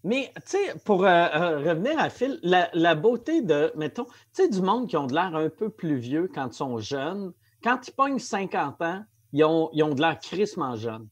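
A man's voice: a little high, sing-song, normal speed, hardly any pauses. A man with a Quebec French accent hosting a casual, bantering conversation.

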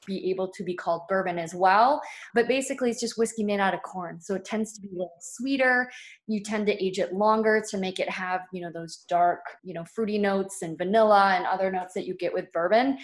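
Distiller lady guest, upbeat, breaks stuff down simple, middle pitch voice. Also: brisk. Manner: upbeat, explains things plainly. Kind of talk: casual interview chat.

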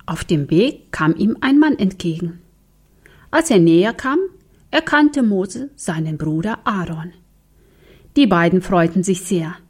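A woman reading a Bible story aloud for young children, in an earnest, gentle storytelling manner with questions to her listeners. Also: on the low side, animated, unhurried.

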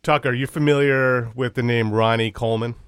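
A man's voice: mid-range voice, fairly even intonation, a little fast, fairly bright tone, clear, resonant tone, dry recording. Male co-host, blunt tangent-prone talker, dry close-mic sound. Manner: blunt, swears, jumps in with tangents. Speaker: podcast co-host. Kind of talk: casual podcast chat.

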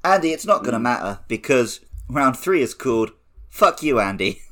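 A man's voice: medium pitch, sing-song, normal speed, sharp tone, faint music behind. A young man hosting a comedy quiz podcast, reading out headlines and teasing the players. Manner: teasing, reads headlines then banters. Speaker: quiz host. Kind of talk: casual comedic game-show podcast.

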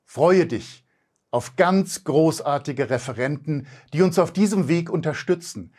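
Gentle man reading a promo. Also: on the high side, measured pace, slightly rough. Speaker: event promoter. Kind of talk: scripted promotional voice-over.

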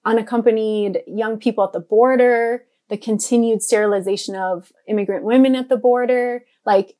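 A woman's voice: on the high side, steady tone, normal speed, dark tone. Earnest woman from Guatemala. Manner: earnest, flowing speech with fillers. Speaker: podcast guest. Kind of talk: casual podcast conversation.

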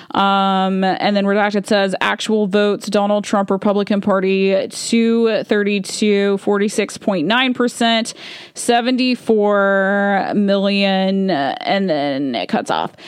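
A woman's voice: medium pitch, smooth, dry recording, studio quality. A woman vlogger reading documents aloud with opinionated commentary, with frequent ums and punctuation read out.

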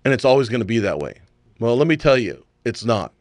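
A man's voice: medium pitch, sing-song, brisk, no echo. Talk radio guy ranting hard, lots of rhetorical questions, dry close sound. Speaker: radio talk show host. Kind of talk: opinionated talk radio chat.

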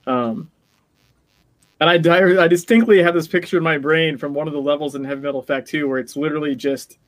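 Middle-aged man, casual podcast co-host, rambling and chuckly, slightly high pitch, dry close sound. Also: brisk, no room sound. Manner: rambling, self-interrupting, laughs often. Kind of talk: casual chat.

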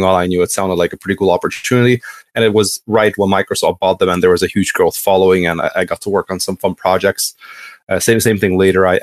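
This thirtysomething guest from Hungary recounts his story on a podcast casually, stumbling and starting sentences over often. His voice sits lowish with no echo around it.

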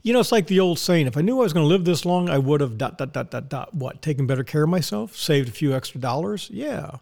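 Folksy guy doing a solo podcast, slightly high voice, chatty, asks and answers his own questions. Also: expressive, quick pace, vocal fry, a little mellow. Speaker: podcast host. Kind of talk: casual monologue talk.

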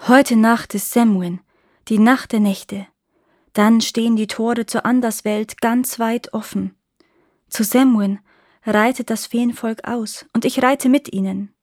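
A woman's voice: fairly high pitch, fairly even intonation, slow pace, no echo. Woman voicing Tam Lin, stern fairy knight. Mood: urgent. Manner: commanding, louder and raised delivery. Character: young pale male fairy knight, stern yet lonely. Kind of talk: storybook character voice. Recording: dry close recording.

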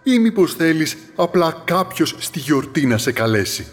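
A man voicing a lively, playful fallen star in a children's audio story, teasing and then encouraging. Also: a little high, soft background music. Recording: long reverb.

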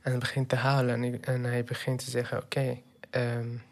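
Young man, from Syria, flat and even delivery, halting testimony, pauses and fillers, sober and low-key. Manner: halting, with many pauses and fillers, dropping in English words. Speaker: refugee telling his story. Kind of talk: personal testimony.

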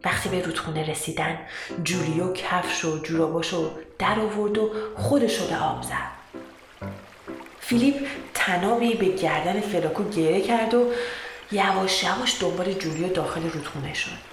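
A woman storyteller reading a children's tale in calm, measured narration. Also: lowish voice, music in the background. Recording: roomy echo with background noise.

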